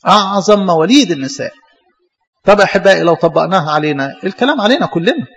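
A priest with an Egyptian Arabic accent delivers a fervent sermon, firing rhetorical questions at his congregation. His voice sits high and his words come quickly. The sound is dull and lo-fi, washed in the long reverb of a church hall. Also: expressive, fairly bright tone.

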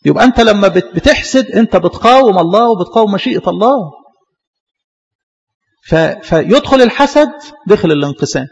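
A man with an Egyptian accent, a pastor, preaching a sermon in a quick, repetitive style full of rhetorical questions. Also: sits high, expressive, creaky, in a large hall. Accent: Egyptian Arabic. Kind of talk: Coptic church sermon.

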